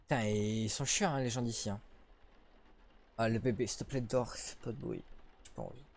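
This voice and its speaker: A man doing casual let's play commentary on a horror game, excitable, swearing, laughing and yelling at the game. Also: medium pitch, moderate pace, slight background noise. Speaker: gamer. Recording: keyboard clicks behind the voice.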